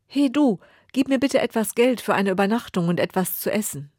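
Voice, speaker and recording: A woman's voice: medium pitch, lively intonation, moderate pace, darkish tone, no echo, clean studio sound, lightly acted. A woman voicing a poor beggar calling out and pleading for help.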